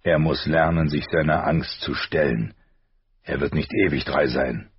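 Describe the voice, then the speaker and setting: A man's voice: very deep voice, unhurried, husky, no echo, muffled recording, exaggerated voice. A man voicing a grave, middle-aged northern lord who speaks coolly and formally, in an audiobook reading. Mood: stern. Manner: cool and formal.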